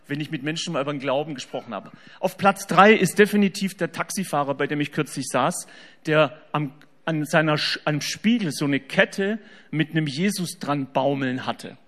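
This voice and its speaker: Animated male speaker in a reverberant hall. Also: fairly high pitch, normal speed. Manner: animated storytelling, swinging between loud and soft. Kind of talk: humorous faith talk to an audience.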